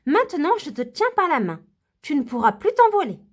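Woman doing a high little girl mouse. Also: fairly quick. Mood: reassuring. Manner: high, pleading, excited.

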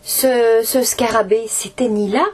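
A man reading a storybook aloud and voicing frightened young women in a high, strained voice. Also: steady tone, unhurried, darkish tone, breathy edge, heavily acted. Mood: hesitant. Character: frightened young woman, shrill.

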